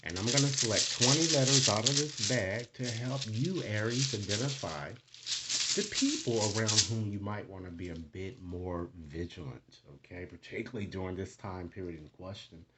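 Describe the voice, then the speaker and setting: Heavy background noise surrounds a lowish-voiced man speaking at normal speed. He's a tarot reader and host, improvising a casual reading to the viewer with frequent short tag questions.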